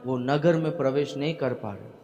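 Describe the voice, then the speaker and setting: A man's voice: mid-range voice, normal speed, darkish tone. A male pastor preaching a sermon to his congregation, with emphatic delivery, frequent hallelujahs and questions thrown to the listeners. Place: church hall. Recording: long hall reverb.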